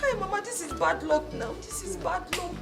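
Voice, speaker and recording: A woman's voice: very high voice, lively intonation, moderate pace, creaky, loud music behind the voice, exaggerated voice. Distraught young Nigerian woman. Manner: pleading, emotional outbursts. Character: distraught young woman, grieving fiancé's loss. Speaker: daughter. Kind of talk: film drama acting. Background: film score.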